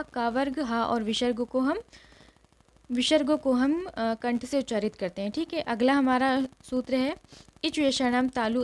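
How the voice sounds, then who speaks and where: A woman teacher giving an exam revision lesson, repeating each rule and quizzing her listeners. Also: high-pitched. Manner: repeats rules and asks questions to the class.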